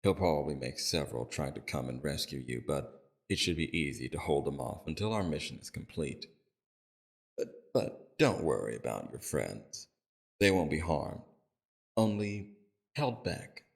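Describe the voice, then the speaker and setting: With a very deep, gravelly tone, a man gives a full character performance as a polite, composed villain leader in an audio roleplay, questioning gently in a civil, measured way.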